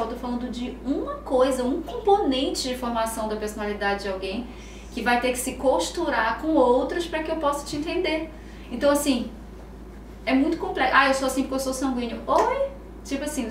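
A woman with a Brazilian Portuguese accent, a psychologist who is a guest on a podcast and tells stories lively, acting out her children's voices. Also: fairly high pitch, far from the mic, a little hiss or hum. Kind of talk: podcast interview, explaining. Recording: roomy, off-mic, faint ambience.

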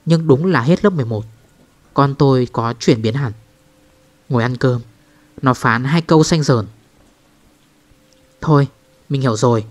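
A man narrating a first-person ghost story in a calm, measured way. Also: medium pitch.

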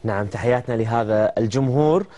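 A man hosting a TV interview, asking quick questions and joking with his guest. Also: mid-range voice, warm tone. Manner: joking, teasing. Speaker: TV show host. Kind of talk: casual TV interview.

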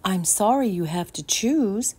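A woman playing a patient, gently firm mother. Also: medium pitch, husky, voice pushed up. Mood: gentle firm. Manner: calm, measured, kindly insistent.

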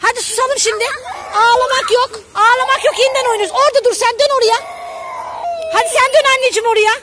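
A woman's voice: very high-pitched, quick pace, crowd noise. A mother calling out to her children by a pool during a game, coaxing and cheering them on. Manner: coaxing, calls out to the kids. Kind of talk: family vlog game narration. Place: outdoors by a pool. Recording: noisy outdoor recording.

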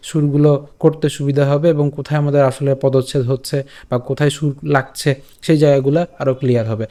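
A man's voice: on the high side, mellow. A man teaching how to pronounce a Sanskrit verse, patiently repeating syllables and checking in with his listeners. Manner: checks in often with listeners, asking if it is clear. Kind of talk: Gita pronunciation lesson.

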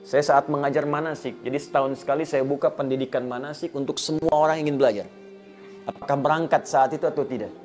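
A middle-aged man preaching a sermon, telling stories with acted dialogue and recited verses, swinging between loud emphasis and soft asides. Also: on the high side, steady tone, quick pace, faint music behind. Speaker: Islamic preacher.

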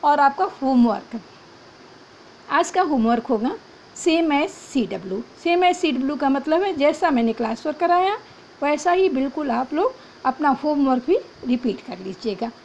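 A woman teacher giving a class lesson for young children, spelling out letters and dictating slowly. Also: high voice, expressive, darkish tone. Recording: slightly dull, faint background hiss.

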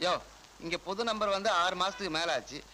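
An irritable local in a film comedy, curt and scolding. His voice is high and sharp, over faint ambient noise. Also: a little fast, low-quality recording. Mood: irritated.

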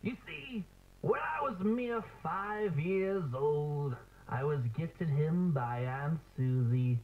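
A man's voice: on the high side, lively intonation, takes it slowly. An actor playing a theatrical, mocking, menacing clown villain who drawls his lines in an analog horror drama. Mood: mock wistful. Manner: drawling, theatrical, with cackling laughter. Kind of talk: scripted analog horror acting. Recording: tinny, noisy degraded tape.

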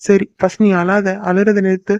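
A man voicing a fretful young cartoon husband who scolds and then soothes, talking quickly. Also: high-pitched, level tone, a little mellow, dry recording, lo-fi sound, close to an everyday voice. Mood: calm.

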